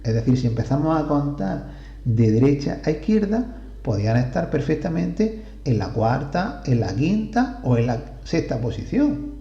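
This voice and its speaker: A male teacher with a Spain Spanish accent explains grammar slowly and deliberately, counting syllables aloud. His voice is deep in tone yet lively in pitch. The recording is roomy and a little dull. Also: gravelly. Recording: roomy echo, slightly dull sound.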